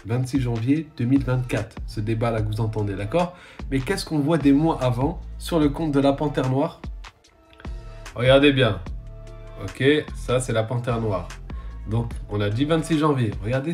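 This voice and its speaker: A man's voice: medium pitch, darkish tone. A man giving an accusatory exposé monologue, insistently pointing things out to viewers. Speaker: influencer.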